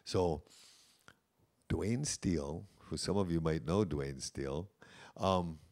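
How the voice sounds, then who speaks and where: A man with a very low-pitched voice speaks as a language professor addressing teachers. His delivery is relaxed and conversational, full of anecdotes and casual asides. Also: slow pace. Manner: conversational and anecdotal, frequent "you know" asides. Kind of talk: informal lecture to an audience of teachers.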